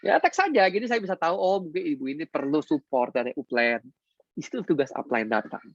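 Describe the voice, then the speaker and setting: A man giving a chatty, teasing motivational talk to his business team, jumping sharply up in pitch for emphasis. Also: animated, a little fast, dry recording, lo-fi sound. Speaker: business mentor addressing his downline.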